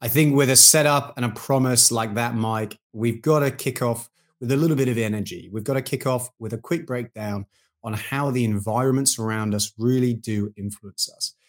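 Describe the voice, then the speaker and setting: A man's voice: medium pitch, normal speed. Wordy male podcast co-host. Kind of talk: podcast conversation.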